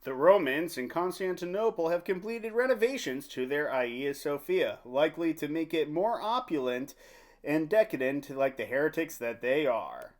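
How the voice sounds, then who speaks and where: A man's voice: a little high, lively intonation, normal speed, natural voice. A man playing a formal news anchor reading a scripted mock bulletin of medieval events. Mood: matter-of-fact.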